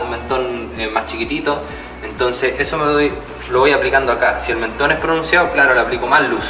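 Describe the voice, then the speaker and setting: A man, demonstrating mural painting step by step and checking in with his students as he goes. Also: mid-range voice. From Chile. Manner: explanatory, checks in with "¿cierto?". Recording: roomy, distant mic, music behind.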